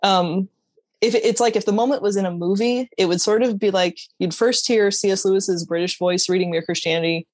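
Speaking fairly quickly in a mid-range, slightly mellow voice with no echo, a woman tells her own faith story as a guest in an interview. She's candid and earnest, occasionally laughing and often breaking off sentences to start them again.

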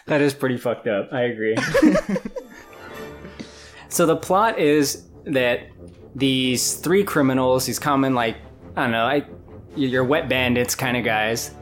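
A man hosting a casual movie-review chat, relaxed, recapping the plot and laughing easily. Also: medium pitch, unhurried, long pauses, soft background music.

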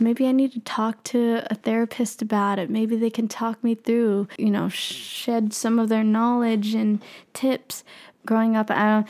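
Casting: young adult woman, mellow voice, speech shaped by braces, candid and reflective casual podcast host. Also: fairly high pitch. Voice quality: talking with freshly tightened braces. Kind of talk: casual confessional solo podcast talk.

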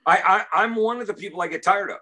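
A man in casual conversation, telling a funny story, animated and often repeating words as he starts sentences. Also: sits high, fast talker. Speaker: comedian and recovery speaker.

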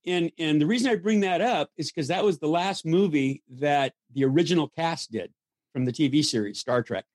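An older man, a former stuntman, telling animated anecdotes as a guest, acting out the voices of the people he quotes. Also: on the high side, moderate pace, dry recording, studio quality. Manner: lively storyteller, acts out quoted voices, frequent restarts. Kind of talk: anecdotal storytelling.

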